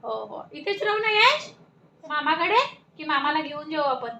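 High-voiced woman vlogging. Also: very animated, moderate pace, gravelly, sharp tone, slight background noise. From Sakoli, Maharashtra. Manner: chatty, coaxing a toddler in sing-song tones. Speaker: family vlogger. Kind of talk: casual home vlog. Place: family home indoors.

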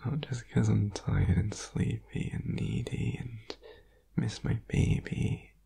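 A man playing a needy, sleepy, affectionate boyfriend in an ASMR whispered role-play, tender and clingy, with a husky, creaky whisper. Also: fairly low pitch, fairly even intonation, dark tone, exaggerated voice. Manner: slow, tender, clingy, soothing. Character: needy, sleepy, affectionate boyfriend cuddling his partner in bed.

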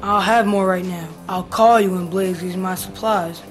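A woman's voice: fairly low pitch, fairly even intonation, normal speed, soft background music, close to an everyday voice. Woman playing a sly snail drug dealer. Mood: evasive. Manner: coaxing, sly.

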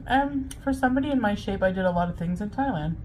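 A woman's voice: medium pitch, animated, fast, a little mellow, slight background noise, rough recording. Woman talking while chewing her food. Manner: chatty, describes her food. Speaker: vlogger. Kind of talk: casual mukbang vlog.

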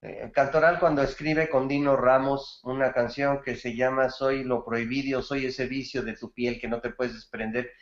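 A man's voice: medium pitch, steady tone, normal speed, few pauses, reverberant, highs cut off. A man teaching songwriting gives feedback on a student's bolero, praising it and explaining grammar with song examples. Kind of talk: feedback in an online class.

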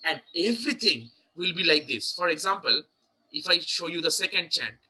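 Man leading a chant lesson, high and bright-toned. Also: expressive, husky, poor audio. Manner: chants syllables slowly, then explains in a quick, searching way. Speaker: chanting teacher.

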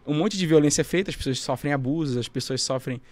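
Podcast guest, Brazilian man, thoughtful and soft-spoken, slightly raised pitch. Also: fast, no echo. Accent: Brazilian Portuguese. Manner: reflective, soft-spoken, ending phrases with "né?". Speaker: musician guest. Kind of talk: casual podcast interview.

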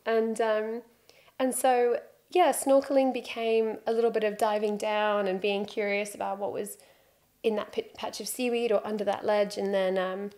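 Speaking at normal speed in a mid-range, darkish voice with flat delivery, this British woman in her thirties is a freediving instructor guesting on a podcast. She sits on a studio sofa before a plain wall, headphones on and near a desk mic, telling her story in a casual interview with self-mocking humor.

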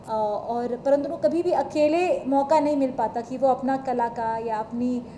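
A woman official speaking in a news interview, hesitant and pausing often with filler sounds. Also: high-pitched, steady tone, warm tone. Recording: noisy ambience behind voice.

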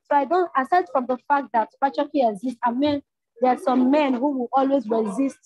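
A young Nigerian woman who leads a campus organization speaks passionately as a panelist over a video call from an indoor room at home, urging listeners and repeating phrases for emphasis. Her voice sits high and is a little fast, a little mellow and breathy, with soft background music and muffled lo-fi audio.

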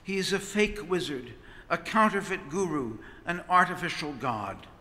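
A middle-aged priest delivers a sermon at the pulpit of a large stone church, speaking in an unhurried, measured rhythm. His voice is high and bright, and he preaches expressively with sweeping hand gestures. A pulpit microphone on a stand picks him up, while long reverb trails each phrase through the building.

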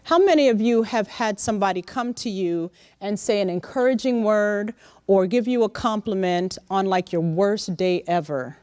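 A middle-aged woman giving a lively, direct motivational talk to young interns in a large conference room, speaking into a handheld microphone. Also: medium pitch, normal speed, dry recording. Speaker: workshop speaker. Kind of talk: motivational professional-development talk.

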